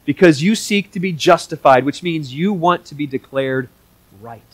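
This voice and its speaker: A man's voice: on the high side, normal speed, no room sound, poor audio. A man preaching a sermon in an earnest, conversational way, with small restarts as he explains. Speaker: pastor.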